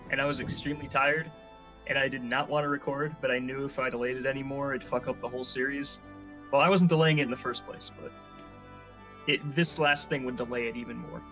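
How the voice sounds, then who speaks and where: A man's voice: mid-range voice, fairly even intonation, brisk, bright, forceful tone, faint music behind, poor audio. A man in a casual gaming podcast chat, telling a long, rambling story full of swearing.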